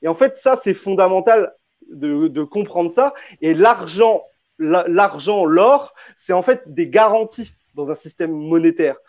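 A man's voice: high voice, animated, a little slow, a little mellow, no echo. A man arguing in a debate, hesitant, often restarting and repeating words. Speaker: debate panelist. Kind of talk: spontaneous debate argument. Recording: dull, dry lo-fi audio.

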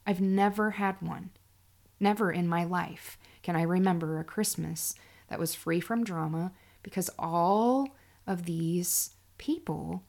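Middle-aged woman host, low gravelly voice, candid and emphatic solo talk. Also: darkish tone. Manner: candid, sarcastic, emphatic storytelling. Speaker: podcast host. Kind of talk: solo podcast monologue.

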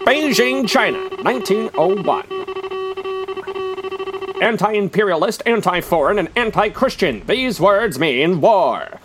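A man's voice: sits high, animated, measured pace, over music. A man narrating history segments in a comic mock-newsreel announcer style, dry and wry. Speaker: radio show host.

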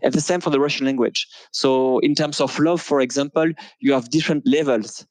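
A man with a French accent, a native French speaker, talking as an interview guest in casual conversation, hesitant with many pauses and restarts. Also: mid-range voice, steady tone, no echo, poor audio.

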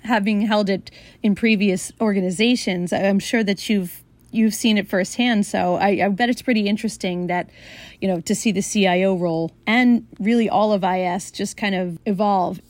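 A woman's voice: medium pitch, steady tone, darkish tone, no room sound. Brief: female interviewer, conversational and affirming, dry recording. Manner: affirming, with quick verbal nods.

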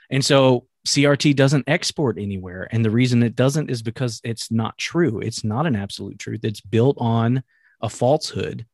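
Co-hosting a faith-based talk show, this earnest man has a middle-pitched voice and an unhurried delivery broken by frequent ums and restarted sentences. The recording is close and dry, with no room sound and no echo.

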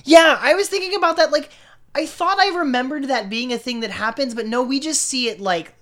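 A woman's voice: high voice, fairly quick, a bit bright. A woman co-hosting a fan podcast, chatting casually and enthusiastically in a millennial way, often saying "like". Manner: casual millennial speech, peppered with "like". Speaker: podcast co-host.

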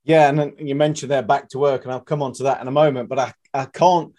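A man hosting a conversational interview, putting his questions in a halting, roundabout way with many asides. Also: medium pitch, steady tone, darkish tone. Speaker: interviewer, host.

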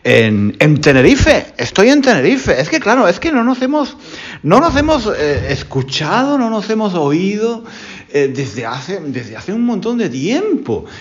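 A man's voice: high voice, big pitch swings, measured pace, slightly rough, muffled recording. A man from Spain with a Spain Spanish accent, a Spanish teacher hosting a casual podcast lesson at home, chatty and repeating his phrases. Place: home room with windows.

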